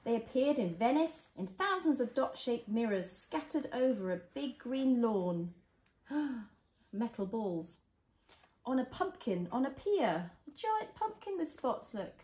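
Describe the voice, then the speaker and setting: A woman's voice: fairly high pitch, lively intonation, slow, dark tone. A woman, a mother, reading a storybook aloud to a toddler expressively, with simple explanations and little questions. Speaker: mother reading a picture book to a child. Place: indoors, small living room at home. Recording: roomy echo of a home room.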